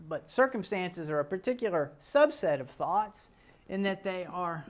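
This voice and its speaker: A man gives a calm, explanatory talk on a self-help model. He works through his ideas step by step and often restarts a sentence mid-thought. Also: a little high. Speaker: teacher.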